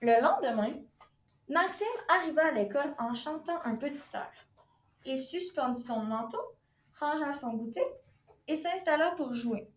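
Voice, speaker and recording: A woman reading a children's picture book aloud with expressive storytelling. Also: high voice, unhurried, a little hiss or hum. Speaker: storybook reader. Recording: echoey room.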